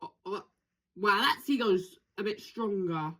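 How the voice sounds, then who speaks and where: Woman at home by the window, slow gushy excited chatter, voice jumps all over. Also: mid-range voice. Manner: excitable, gasping and exclaiming. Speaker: birdwatcher filming her garden. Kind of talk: casual excited commentary.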